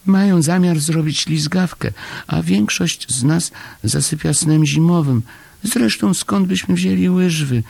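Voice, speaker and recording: A man's voice: on the high side, measured pace, gravelly, a little mellow, slightly rough, dry recording, pitched above the performer's own voice, full character voice. A man voicing a small, eager young male hamster in an audiobook story, with earnest, pleading chatter. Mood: dejected. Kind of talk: audiobook character voice.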